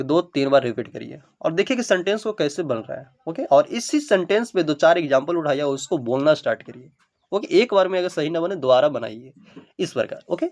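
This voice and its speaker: A man teaching English through Hindi, speaking. He repeats each English sentence slowly, word by word, and fills gaps with frequent okays. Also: on the high side, a little hiss or hum. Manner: frequent ok and now look fillers; speeds up for asides. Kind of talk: spoken English lesson in Hindi.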